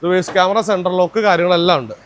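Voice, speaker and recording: A man with a Kerala accent working as a used-car dealer, casually listing specifications in brisk, clipped phrases. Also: sits high, a little hiss or hum. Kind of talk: casual sales presentation.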